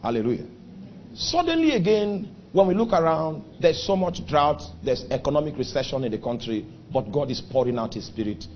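This pastor, a Nigerian man, delivers his sermon with a sing-song emphasis, drawing out important phrases before rising abruptly in pitch and loudness. His recording sounds dull and carries a little hiss or hum.

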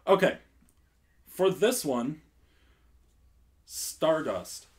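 A man's voice: a little high, expressive, extremely slow. A young man hosting a casual podcast quiz game, laughing often and filling gaps with "um". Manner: laughs often, filler-heavy. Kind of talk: casual chat.

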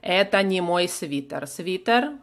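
Slow and animated, a woman with a low-ish voice and a Russian accent, a native Russian speaker, runs a live online language lesson, patiently repeating phrases so learners can copy them.

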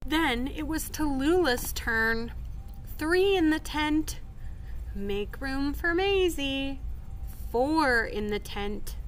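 A young woman librarian leading a children's storytime, talking slowly and clearly in a bright, sing-song way. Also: sits high, animated, slight background noise. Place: outdoors at a wooded campsite.

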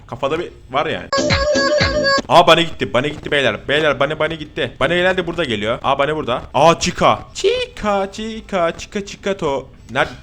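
A man giving casual, jokey horror gameplay commentary as a streamer. He gets excitable, swears often and talks straight to his viewers. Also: fairly high pitch. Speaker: gaming streamer.

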